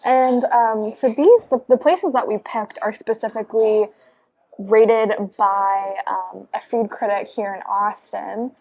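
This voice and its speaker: A woman's voice: medium pitch, takes it slowly, darkish tone. A young woman, chatting casually in a cafe for her vlog, full of "like" and "um". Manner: bubbly, many fillers like "like" and "um". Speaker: vlogger. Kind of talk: casual chat. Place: cafe, indoors, on a couch.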